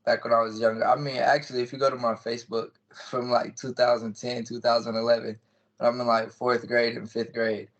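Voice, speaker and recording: A music artist in his twenties speaks a little fast in a medium-pitched voice with little pitch movement. He's chatting casually as an interview guest, using plain explanations, and the call audio sounds dull and lo-fi.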